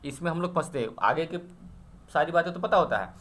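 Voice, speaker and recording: A man's voice: on the high side, lively intonation, brisk, a bit bright. A man teaching an exam-prep grammar lesson, explaining step by step and checking often that students follow. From Bihar.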